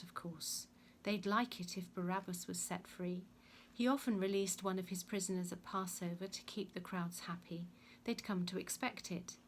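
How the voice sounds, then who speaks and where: A woman reading a Bible story aloud as scripted narration, with measured storytelling. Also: on the low side, slight background noise. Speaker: reader.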